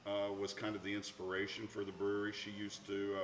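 Low-voiced chatty male podcast host. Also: completely flat delivery, fairly quick. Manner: chatty, piles up repeated yeahs. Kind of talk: casual interview. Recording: echoey room, clear background noise.

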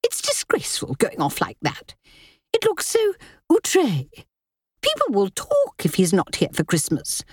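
A woman's voice: huge pitch swings, unhurried, darkish tone, husky, no room sound, studio quality, full character voice. A woman voicing a tactless, scolding aristocratic lady in a storybook reading. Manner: shrill, scolding, sulky. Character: tactless nagging aristocratic middle-aged woman.

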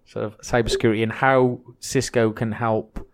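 A man's voice: on the low side, flat delivery, normal speed. A man with a Welsh accent hosting a podcast in a chatty, joking way, often restarting his sentences. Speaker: podcast host. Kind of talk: casual podcast chat.

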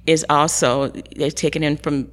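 A woman's voice: low-pitched, level tone, normal speed. A woman co-hosting a casual talk show who tells gossip in a storytelling way. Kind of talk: casual chat.

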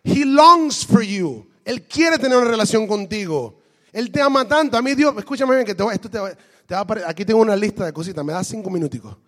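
A man preaching a sermon, lively, switching between Spanish and English and asking the congregation questions. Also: high voice, quick pace, in a large hall. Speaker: pastor.

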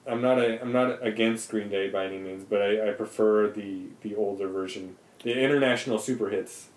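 A man's voice: lowish voice, fairly even intonation, brisk. A young man in casual chat on a podcast, hesitant and stammering as he starts his sentences. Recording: roomy echo.

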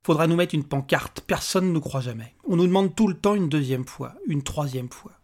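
A man's voice: fairly high pitch, lively intonation, a little fast, a little mellow, lightly acted. A man reading aloud and voicing a tiny, bald, bearded male imp who talks in an irritable, sarcastic rant. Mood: exasperated. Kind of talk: audiobook character voice.

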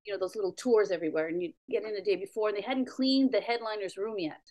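A woman's voice: mid-range voice, fast talker, mellow. A middle-aged woman from Canada, a comedian guest telling anecdotes in a casual, wry way.

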